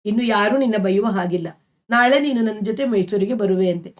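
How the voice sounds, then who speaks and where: A woman voicing an earnest young man who gently reassures his sister, in a slightly lowered, softer voice. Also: fairly quick, lightly acted. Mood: reassuring.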